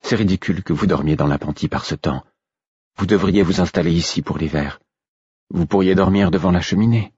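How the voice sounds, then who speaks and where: A man's voice: sits low, fairly quick, darkish tone, slightly rough, no echo, lo-fi sound. A man reading aloud and voicing an exhausted young mother who sounds weary and distressed. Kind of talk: audiobook reading.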